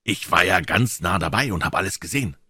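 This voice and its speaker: A scruffy storybook boy earnestly recounts superstitions in an uneasy voice, as a man reads him. It stays close to a deep, husky, dry reading tone. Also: lively intonation, a little fast, pushed and bright, no echo, heavily acted.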